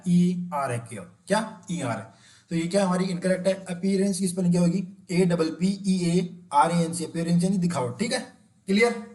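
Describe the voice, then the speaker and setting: A man's voice: high voice, a little mellow, echoey room. A man teaching an exam-prep spelling lesson. He spells each word out letter by letter, keeps asking rhetorical questions and checks with his listeners that they follow. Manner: calls the audience friends, keeps checking understanding.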